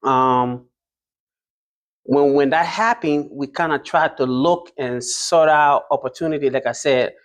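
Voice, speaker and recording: A man from Liberia answers questions in an interview, speaking at an ordinary middle pitch. He pauses often, fills gaps with "uh" and "um", and restarts his sentences. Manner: hesitant, many fillers and restarts. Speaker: interview guest, driving school graduate.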